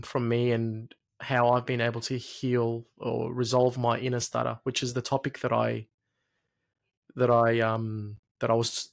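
A podcast guest in his late thirties, from Egypt and Australia, tells personal stories in conversation, reflective and halting, with repeated phrases. His voice is medium-pitched and creaky, recorded indoors in a small home studio on a close podcast mic mounted on an arm.

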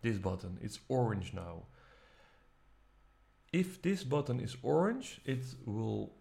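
Gravelly man explaining music software. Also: medium pitch, slow pace. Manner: relaxed step-by-step explaining, casual. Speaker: music production teacher. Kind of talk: screen-recorded software tutorial. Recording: faint music playing behind. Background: faint music.

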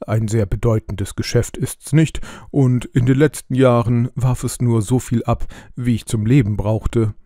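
A man's voice: mid-range voice, steady tone, unhurried, hardly any pauses, mellow, dry recording, clean studio sound, lightly acted. A man voicing a plain, hesitant middle-aged shopkeeper in an audiobook, with filler sounds. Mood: telling. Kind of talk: audiobook role reading.

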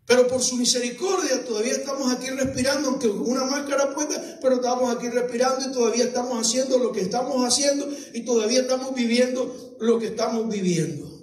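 A male pastor preaching a fervent sermon, shouting in bursts and acting out other voices. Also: very high voice, quick pace, few pauses, distant mic. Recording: echoey room, voice off mic.

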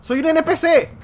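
A man with a Colombian accent doing let's play commentary, excitable and switching between Spanish and English, yelling at the game. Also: high voice, slight background noise. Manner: yells at the game. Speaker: gamer.

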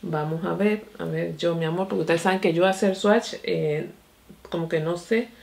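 A young woman reviewing makeup on camera in a chatty, excitable way, calling her viewers "my love.". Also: on the low side, moderate pace, vocal fry, slight background noise. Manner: chatty and excitable, often says "mi amor" and "señores". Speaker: beauty vlogger. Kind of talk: casual makeup review and tutorial.

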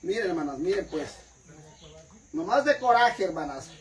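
Here the vlogger's high, animated voice moves at a moderate pace, with slight background noise on a low-quality recording. He eats while ranting casually, swearing theatrically and feigning outrage as he keeps calling his viewers "sisters."

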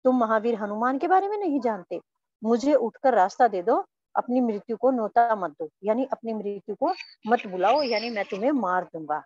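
A woman voicing a proud, quick-tempered young warrior as she reads a story lesson aloud. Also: a little high, lively intonation, a little mellow, no echo, highs cut off. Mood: proud, angry. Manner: stern, commanding reading.

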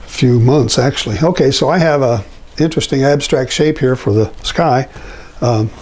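Working in an indoor studio, an older painting instructor narrates each stage of his painting. His voice is mid-range, raspy and mellow, and his delivery is unhurried and halting, with many pauses on fillers.

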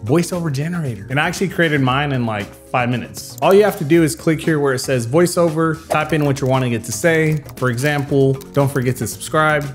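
A man's voice: a little high, brisk, hardly any pauses, soft background music. Nasal young man chatting to camera. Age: 20s. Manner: chatty, joking, self-deprecating. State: nasal, recovering from illness. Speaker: YouTube creator. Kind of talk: casual talking-to-camera vlog.

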